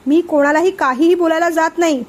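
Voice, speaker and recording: A sharp-tongued young wife, indignant and cutting, voiced by a woman narrator. Her voice rides high. It is told in a storybook reading. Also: fairly even intonation, a little fast.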